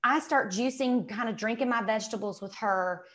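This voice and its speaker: A woman's voice: a little high, normal speed. Emphatic woman with a Mississippi Southern accent. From Mississippi, United States. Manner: animated, emphatic, quotes herself and others. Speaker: guest. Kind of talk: casual conversational storytelling.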